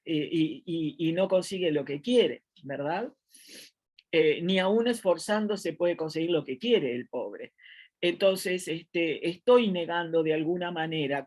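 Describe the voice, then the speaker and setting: A woman's voice: lowish voice, a little mellow. A middle-aged woman with a Uruguayan accent teaching a grammar lecture from home, thinking aloud with many fillers and restarts. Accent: Uruguayan Spanish. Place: at home, seated in a chair.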